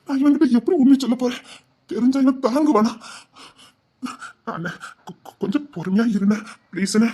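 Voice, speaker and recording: A woman's voice: a little high, expressive, fairly quick, long pauses, warm tone, husky. A woman playing an anguished village mother in a melodramatic drama, emotional and scolding, with a Tirunelveli Tamil accent. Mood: distraught. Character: anguished village mother guarding her baby.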